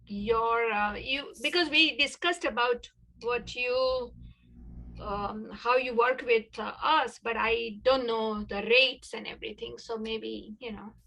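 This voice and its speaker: Bright-voiced woman on a group video call. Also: fairly high pitch, gravelly, rough recording. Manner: halting, searching for words with many restarts. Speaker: workshop participant. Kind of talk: casual sharing in an online class.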